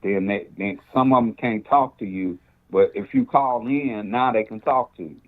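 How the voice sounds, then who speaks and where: Heard through a cell phone speakerphone, a man with a lowish voice talks at normal speed. He is a bishop chatting casually by phone, wandering preacher-style and quoting scripture.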